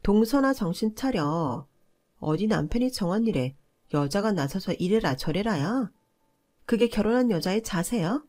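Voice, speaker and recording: A woman's voice: lively intonation, normal speed, a little mellow, close to an everyday voice. A woman voicing a bossy, entitled older sister-in-law who scolds and talks down to others. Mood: condescending. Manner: shrill, scolding, condescending.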